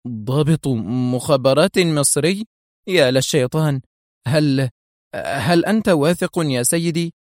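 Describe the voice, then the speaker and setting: A man's voice: medium pitch, animated, moderate pace, no echo, studio quality, natural voice. A man voicing a nervous male spy agent who stammers and hesitates. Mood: flustered.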